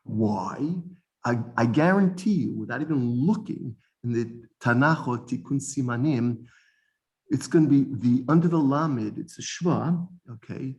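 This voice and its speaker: A man teaching an informal Bible study lesson, animated, often repeating words and restarting sentences. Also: medium pitch, unhurried.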